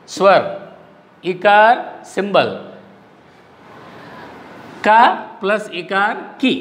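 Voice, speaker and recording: A man teaching a recorded lesson to young children, explaining slowly and repeating sounds aloud. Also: high-pitched, a bit bright, big-room sound, a little hiss or hum.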